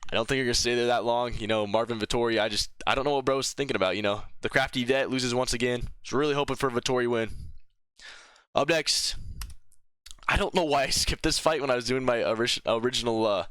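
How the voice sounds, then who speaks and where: Bright, crisp-voiced young man ranting. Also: medium pitch, fast, dry recording, studio quality. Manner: rambling, opinionated, with filler words and restarts. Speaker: MMA commentary vlogger. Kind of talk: casual fight reaction commentary.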